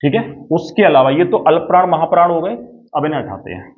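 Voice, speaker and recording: A man's voice: a little high, fast. A man teaching an exam-prep grammar lesson at a board, explaining step by step and often checking that students follow. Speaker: Hindi teacher. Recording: tinny phone-like audio.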